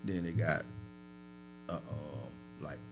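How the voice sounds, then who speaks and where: A man's voice: very deep voice, takes it slowly, noisy background. Laughing, profane man telling street stories. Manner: animated storyteller, laughs often, profane street slang. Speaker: podcast guest. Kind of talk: casual storytelling.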